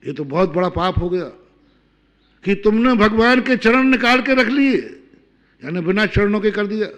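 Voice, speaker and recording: Indian male monk giving a sermon, somewhat high-pitched, emphatic, asks the crowd questions. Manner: emphatic, rhetorical questions, swinging between loud and hushed. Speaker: Jain monk preacher.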